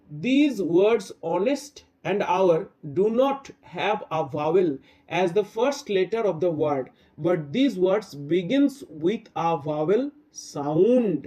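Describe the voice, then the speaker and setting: A man's voice: high-pitched, dark tone. Man teaching a step-by-step grammar lesson. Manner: explains step by step, checks in with "right?"; reads English examples slowly.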